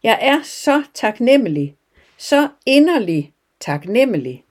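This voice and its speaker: A woman's voice: mid-range voice, animated, a little mellow, natural voice. Woman voicing a poor, weary farmer. Pleading and heartfelt in a storybook reading. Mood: grateful.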